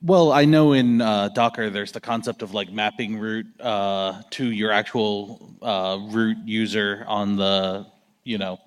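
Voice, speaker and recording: A man's voice: lowish voice, fairly even intonation, unhurried, clean tone. A man in a conference audience asking the speaker a hesitant question, with many uhs. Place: conference hall.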